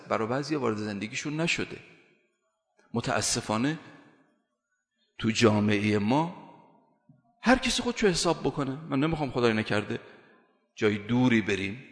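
Guy preaching a sermon, keeps repeating stuff and asking "right?", big echoey hall sound. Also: mid-range voice. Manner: emphatic, repeats points with rhetorical questions. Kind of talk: religious sermon.

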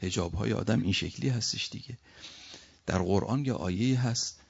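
Male preacher, low husky voice, storytelling sermon, slow verse recitation, dull lo-fi recording. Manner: storytelling, rising to emphatic peaks; recites Arabic verses slowly.

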